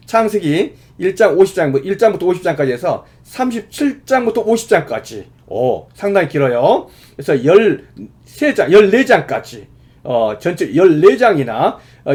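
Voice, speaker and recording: Male pastor, sermon delivery, a bit high-pitched, very expressive intonation. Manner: explanatory preaching with many fillers, rising emphatically at key points.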